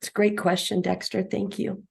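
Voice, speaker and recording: Hoarse raspy woman, low flat voice, giving practical tips. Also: moderate pace. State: losing her voice. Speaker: panelist.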